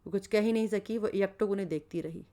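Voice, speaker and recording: A woman reading a novel aloud in steady, measured audiobook narration. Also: mid-range voice. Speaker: novel reader.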